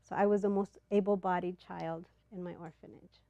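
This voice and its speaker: A middle-aged woman from Ethiopia telling a personal story to a live audience, earnest and halting, with pauses and fillers, on a clip-on mic. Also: fairly low pitch, steady tone, creaky, no echo, lo-fi sound. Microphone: clip-on mic, not in front of the face.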